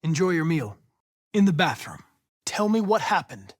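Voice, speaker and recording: With a fairly high pitch and big pitch swings at normal speed, a man voices a polite, precise young android police investigator in a dramatic video game. The character is calm and formal, his delivery clipped and exact.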